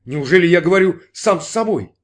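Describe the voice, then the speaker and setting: A man's voice: sits high, lively intonation, a little fast, voice pushed up. A man voicing a short-tempered, nervous businessman in an audiobook, snapping and defensive. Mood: irritable. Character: irritable, jumpy male businessman, short-tempered.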